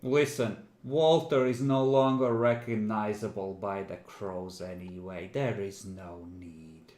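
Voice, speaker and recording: A man's voice: fairly low pitch, steady tone, takes it slowly, a little mellow, reverberant. A man running a tabletop role-playing game as game master, narrating conversationally in a teasing, dramatic way.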